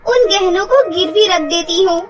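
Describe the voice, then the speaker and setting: A woman voicing a poor young village girl who pleads through tears in a cartoon story. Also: normal speed. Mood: hopeful. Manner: high, tearful pleading.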